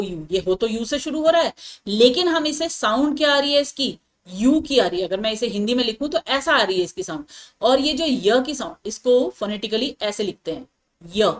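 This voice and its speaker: Woman teacher patiently explaining English grammar. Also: a little high. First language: Hindi. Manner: explains patiently, repeats points and checks understanding often; reads English example sentences slowly and deliberately.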